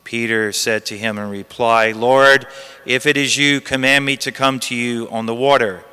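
In a large church, a priest reads the gospel and preaches emphatically, repeating phrases as his voice rings out under long cathedral reverb. He has a medium-pitched, clear, resonant voice with a sharp edge, fairly even intonation, and a moderate pace.

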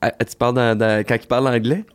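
A man with a Quebec French accent who speaks at a middle pitch in easy podcast chat. He tells lively stories, breaks into laughter and slips into short impressions. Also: fast talker, smooth. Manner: animated storyteller, laughs, drops into impressions. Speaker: guest, country singer.

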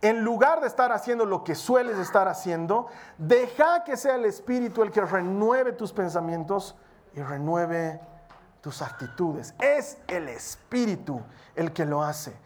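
Earnest preacher with a mid-pitched voice. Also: expressive, a little hiss or hum. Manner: earnest, exhorting, speeds up and slows down for emphasis; acts out short quoted prayers and dialogue. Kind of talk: sermon.

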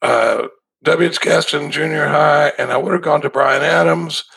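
A man, telling his story as an interview guest in a relaxed, folksy way with a gravelly, husky voice. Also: fairly high pitch, normal speed, a little hiss or hum, poor audio. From Dallas, Texas. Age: 60s. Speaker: guest in recovery. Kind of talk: conversational storytelling.

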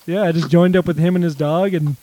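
A man talking hunting in loose conversation, full of restarts and filler. His voice is mellow and a bit high, and the recording is dry and close. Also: fairly even intonation, fairly quick, dry recording, low-quality recording. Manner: rambling, lots of fillers and restarts, says dude. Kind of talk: casual chat about duck hunting.

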